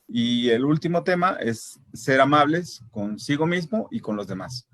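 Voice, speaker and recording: A man with a mid-pitched voice speaks as a parent on a discussion panel. He works through a list of points, pausing on fillers. The sound is dry and close to the mic. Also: lively intonation, fairly bright tone, dry recording. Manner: hesitant, many fillers and tag questions. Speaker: parent guest. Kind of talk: casual panel chat.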